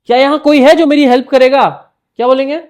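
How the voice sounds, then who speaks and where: A man's voice: very high voice, steady tone, fast, darkish tone. A man teaching an English grammar lesson to a class in Hindi, often quizzing students by name and checking they understand.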